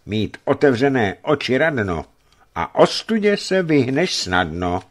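Man doing cheery officer, deep voice, lively. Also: full character voice. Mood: cheerful. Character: cheerful male soldier officer.

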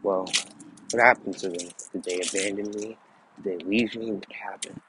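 A man's voice: low-pitched, steady tone, normal speed, pitched below the performer's own voice, close to an everyday voice. A man voicing a bitter teenage boy ninja. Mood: confused. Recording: noisy background.

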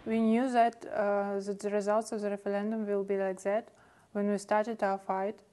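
A young woman speaks English with a Ukrainian accent, giving interview answers with frequent pauses and fillers. She sounds hesitant, feeling for each word in a mid-pitched voice. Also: level tone, warm tone, a little hiss or hum. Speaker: activist interviewee. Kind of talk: interview answers in a second language.

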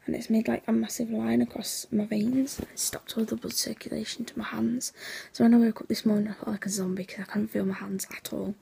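A young woman rambles through a casual vlog chat. Her voice is hoarse and nearly gone, a gravelly, breathy half-whisper. She sounds drowsy, piling on fillers as she talks. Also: fairly high pitch, flat delivery, brisk, warm tone. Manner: rambling, chatty, with many fillers. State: sleepy, yawning. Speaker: vlogger.

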